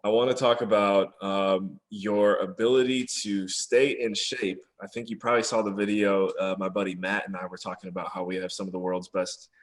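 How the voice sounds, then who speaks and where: A young man hosting a podcast, interviewing his grandmother in a relaxed, talkative way. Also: lowish voice, fairly quick, hardly any pauses. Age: young adult. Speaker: podcast host. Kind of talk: casual interview.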